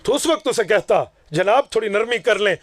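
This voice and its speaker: Male preacher, high voice, fiery declaiming delivery, dry close sound. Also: expressive, no room sound. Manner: forceful, declaiming, acts out dialogues. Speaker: Islamic preacher. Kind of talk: fiery sermon to a gathering.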